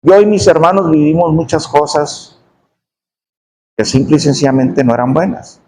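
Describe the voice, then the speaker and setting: A middle-aged man telling a testimony in a sermon, his voice dropping low and slow on painful memories. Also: darkish tone, slight background noise, low-quality recording. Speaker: preacher giving testimony.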